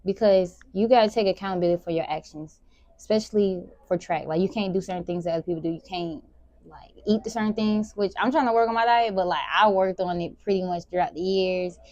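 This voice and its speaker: A teenage girl, a high school sprinter answering interview questions in a relaxed, rambling way. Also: fast, no echo, highs cut off. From Memphis, Tennessee. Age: teens. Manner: relaxed, rambling, many "like" fillers.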